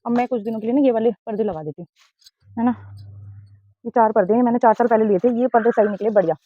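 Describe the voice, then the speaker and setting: A woman's voice: fairly high pitch, fast, no echo. A woman, a mother, chatting casually at home while doing chores, talking to herself and her kids. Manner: chatty, talks to herself and scolds kids between tasks. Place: home indoors. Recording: dry, dull lo-fi sound.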